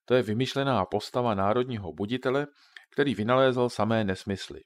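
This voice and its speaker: A man's voice: mid-range voice, no echo, lightly acted. A man voicing a joking father who patiently explains things to his children in a storybook reading. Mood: jokey explaining.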